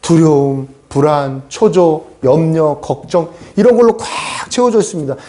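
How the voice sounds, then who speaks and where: A male pastor giving a lively sermon. He keeps asking the congregation questions and acts out the voices he quotes. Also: fairly high pitch, normal speed.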